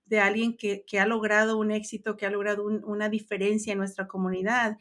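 A woman's voice: mid-range voice, little pitch movement, fairly quick, a bit bright. A woman hosting a podcast, interviewing her guest and reflecting on his stories with affirming remarks. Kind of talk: conversational interview.

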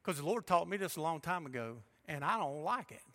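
A male pastor preaching a sermon, emphatic and shifting between loud and hushed delivery. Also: fairly high pitch, very animated, brisk.

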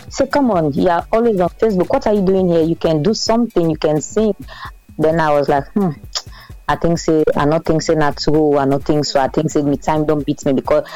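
Woman, low voice, relaxed storyteller, faint music behind. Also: fairly quick, rough recording. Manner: relaxed, storytelling, mixes Pidgin into English. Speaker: singer and interview guest. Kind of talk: casual interview chat.

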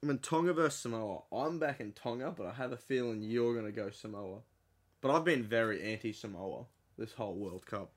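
A man's voice: fairly low pitch, fairly quick. An Australian man co-hosting a podcast, bantering casually with a friend in a blokey, sweary, teasing way. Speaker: podcast co-host.

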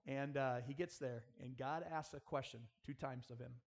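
In a mid-range voice at normal speed, a man preaches with school chapel earnestness. He speaks directly to his listeners, exhorting them with rhetorical questions and prayer.

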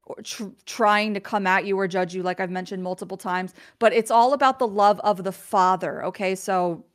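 A woman's voice: medium pitch, steady tone, moderate pace. Woman speaking over a video call. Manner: earnest, filler-heavy, candid. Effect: heard over a video call connection. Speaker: guest co-host on a faith livestream. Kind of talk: casual livestream chat and scripture reading.

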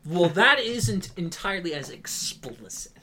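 A young man co-hosting a casual podcast chat, sarcastic and quick to laugh, with lots of "like" fillers. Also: sits high, sing-song, pushed and bright. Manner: laughs often, sarcastic asides, many "like" fillers. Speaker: podcast co-host.

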